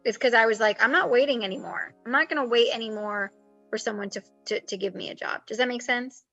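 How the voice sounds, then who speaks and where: A woman's voice: on the high side, quick pace, bright, forceful tone, lo-fi sound, soft background music. A woman acting coach chatting animatedly on a video call, giving advice with lots of fillers. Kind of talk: casual advice chat. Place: home, with construction noise outside.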